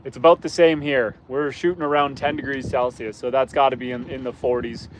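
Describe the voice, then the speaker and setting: On a rainy lake, a Canadian man hosting an outdoors channel fishes from his boat and casually chats on a livestream, easygoing and greeting viewers by name. An adult father of young kids, he's hoarse and his voice is fading, medium-pitched and steady while moving a little fast. Wind and the boat's motor fill the background of the windy stream.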